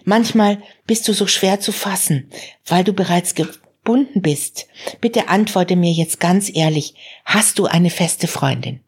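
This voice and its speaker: A woman's voice: lowish voice, a little slow, breathy edge, pitched above the performer's own voice. A woman voicing an earnest, lovestruck young woman who speaks in a hesitant way.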